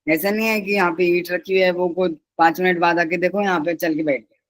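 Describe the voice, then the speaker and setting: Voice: medium pitch, fairly even intonation, a little fast, dry recording, rough recording. Patient teacher repeating key words. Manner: patient, repetitive, explains each word with synonyms; mixes in English words. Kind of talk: live online class explanation.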